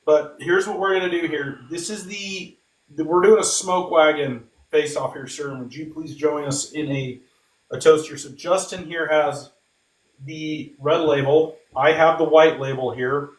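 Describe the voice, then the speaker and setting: A man's voice: fairly high pitch, fairly even intonation, unhurried. A man hosting a casual livestream giveaway, talking emphatically, repeating himself and addressing his audience as guys. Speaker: podcast host. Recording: echoey room, distant microphone.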